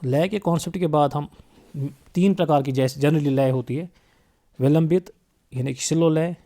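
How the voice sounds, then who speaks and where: A man teaching a music lesson, explaining calmly and reciting rhythm syllables in a steady beat. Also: on the high side. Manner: reads English definitions slowly and carefully. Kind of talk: spoken music lesson mixing Hindi and English.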